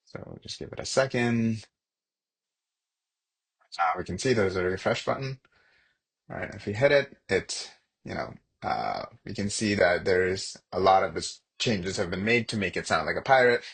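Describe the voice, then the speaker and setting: A man giving a casual screen-share software demo, talking in a relaxed, conversational way as he thinks aloud while clicking through. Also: low voice, moderate pace, vocal fry, breathy edge.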